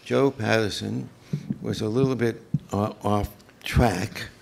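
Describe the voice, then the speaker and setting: Older man reminiscing, low creaky voice. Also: steady tone. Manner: halting, reflective storytelling. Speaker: interview guest, former folk festival organizer. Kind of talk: unscripted reminiscence.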